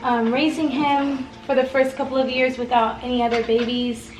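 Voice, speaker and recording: A woman's voice: high voice, flat delivery, moderate pace, background noise. A woman in her twenties chatting casually while eating, rambling with lots of fillers. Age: 20s. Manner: rambling, many fillers, searching for words. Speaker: co-host, mother. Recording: roomy with background music.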